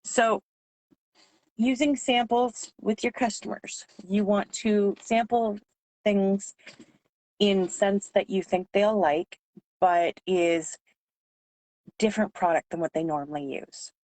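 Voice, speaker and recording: A woman whose voice is hoarse and giving out, talking informally as a trainer explaining sales tips. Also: medium pitch, fairly even intonation, takes it slowly, long pauses, a little mellow, dry recording, poor audio. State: losing her voice, hoarse. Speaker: sales trainer for direct-selling consultants.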